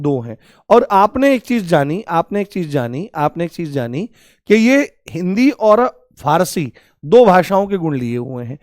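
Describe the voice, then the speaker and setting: With a high, darkish voice, this man works through a grammar lesson by asking and answering his own questions. Affection shows in how he keeps calling his students "babu." The recording is dry and clean, studio-made.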